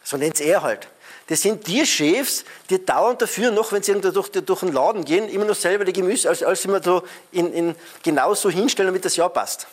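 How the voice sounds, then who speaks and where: Male speaker, middle-aged, high voice, energetic live-talk delivery with audience check-ins. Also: brisk. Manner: lively, emphatic, talks to the audience with frequent "ja?". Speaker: speaker on leadership.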